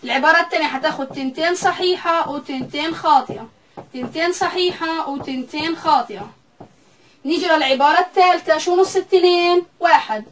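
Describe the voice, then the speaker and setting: A woman's voice: high voice, fairly quick, a bit bright, recorded from a distance, a little hiss or hum, poor audio. A woman teaching a math lecture. She goes step by step and says each value aloud more than once.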